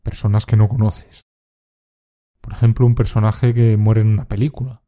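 A man from Spain teaching informal Spanish words, speaking slowly and carefully and repeating each word for practice. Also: on the low side, level tone, dark tone. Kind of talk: scripted slang lesson with repeat-after-me drills.

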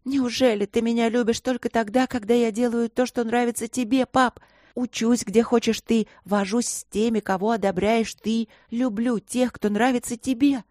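A woman's voice: mid-range voice, normal speed, a little mellow, no room sound, studio quality, pitched above the performer's own voice, close to an everyday voice. A woman voicing a hot-tempered young noblewoman who talks in an indignant, heated way.

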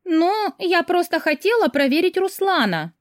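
A woman reading an audiobook, voicing a flippant, scheming young woman with a high, sing-song manner. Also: very animated, normal speed, dry recording, clean studio sound. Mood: irritated.

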